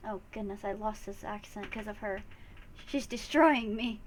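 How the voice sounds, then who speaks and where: A woman's voice: medium pitch, moderate pace, a little hiss or hum. A woman streamer chatting casually and playfully during a game read. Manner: playful, self-mocking. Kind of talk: casual chat.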